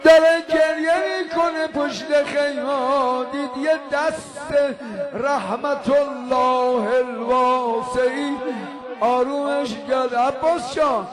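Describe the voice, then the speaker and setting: An older man preaching in a half-sung, lamenting chant, breaking into shouts now and then. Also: extremely high pitch, steady tone. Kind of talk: chanted mourning sermon. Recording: music playing behind the voice.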